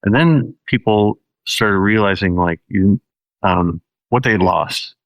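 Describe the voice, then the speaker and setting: Very deep gravelly-voiced man. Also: slow, no echo, dull audio. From Washington State, USA. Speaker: documentary filmmaker and guest. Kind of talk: casual interview storytelling.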